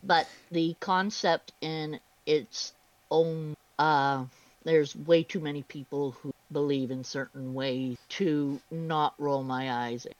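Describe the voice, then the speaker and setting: Deadpan panelist, dry sound. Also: mid-range voice, takes it slowly, dry recording, muffled recording. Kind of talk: casual podcast chat.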